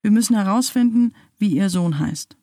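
A woman's voice: medium pitch, lively intonation, normal speed, warm tone, dry recording, clean studio sound, close to an everyday voice. A woman doing a frightened young girl. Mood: urgent.

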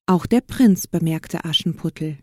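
A woman reads a fairy tale aloud in clear, careful, simple sentences for learners. Her pace is very slow and her tone mellow. The recording is dry and close. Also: low-pitched, no room sound. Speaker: narrator. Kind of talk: slow storybook reading for learners.

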